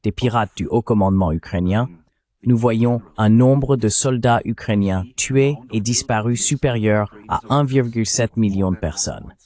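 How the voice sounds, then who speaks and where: This is a synthetic AI male voice, lowish and a little mellow at a moderate pace. It reads a translated voice-over of a journalist offering political analysis as an interview guest.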